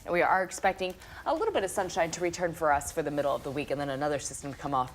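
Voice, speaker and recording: A woman's voice: sits low, very fast, a little hiss or hum. A woman TV weather forecaster giving a live report and chatting upbeat with the anchors.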